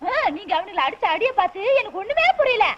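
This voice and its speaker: Spirited young village woman, very high, noisy dull film sound. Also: expressive, fast. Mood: naive. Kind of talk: film comedy scene.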